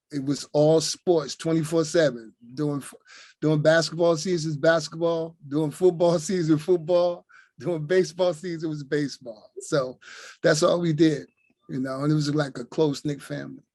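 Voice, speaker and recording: An older retired coach from Newark, New Jersey, tells easygoing stories of his childhood over a video call, leaning on "you know what I'm saying." His voice is a little high and a little mellow, with fairly even intonation and a moderate pace, and the recording is dry.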